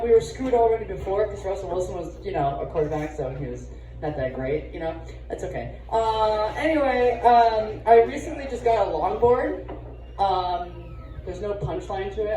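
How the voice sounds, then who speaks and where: A man's voice: sits high, expressive, normal speed, warm tone, slight background noise. A young man in his twenties doing stand-up and crowd work in a rambling, giggly, loose way. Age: 20s. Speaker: stand-up comedian. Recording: roomy, distant mic in a club.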